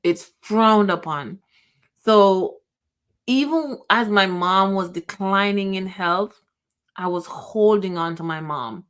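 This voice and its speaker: Her voice is medium in pitch, smooth and fairly bright: a middle-aged Jamaican woman hosting her own podcast in a reflective, personal monologue. Emotion colors her speech, which is full of pauses, restarts and trailing sentences.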